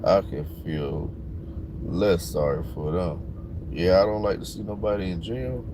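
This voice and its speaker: A man talking bluntly and casually on a livestream, growing animated when he gets worked up. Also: low voice, unhurried, background noise. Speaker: livestream host.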